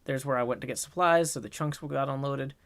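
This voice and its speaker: Raspy-voiced male streamer, dry close mic. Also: medium pitch, brisk, fairly bright tone, no room sound. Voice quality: raspy, strained put-on character voice. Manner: rambling, chatty, talks to chat while working on a build. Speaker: livestreamer. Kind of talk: casual livestream chat, reading out viewer comments. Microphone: boom microphone.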